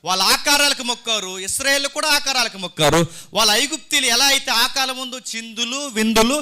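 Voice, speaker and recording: High, bright-voiced preaching man. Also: fast talker. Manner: emphatic preaching, rhetorical questions, Bible reading. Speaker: pastor. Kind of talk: sermon.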